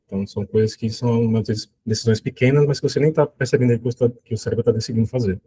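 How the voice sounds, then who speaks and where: A young man from Aracaju gives a relaxed design conference talk, often tagging sentences with "né?". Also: medium pitch, very fast, husky. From Aracaju, northeastern Brazil. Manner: relaxed, frequent "né?" tag questions. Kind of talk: casual presentation talk.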